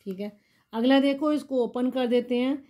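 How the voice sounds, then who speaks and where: A woman's voice: high voice, normal speed, warm tone. A woman maths teacher explaining polynomial division step by step, patiently asking the class questions and answering them herself.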